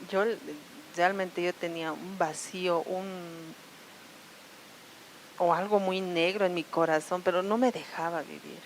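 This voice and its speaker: A woman with a La Paz Bolivian accent shares her personal testimony, earnest and halting, often restarting and tagging her sentences with questions. Her voice sits fairly low. A faint hiss runs under it. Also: fairly even intonation, rough recording. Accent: Bolivian Spanish, La Paz. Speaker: church member giving testimony. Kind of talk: personal testimony at a prayer service.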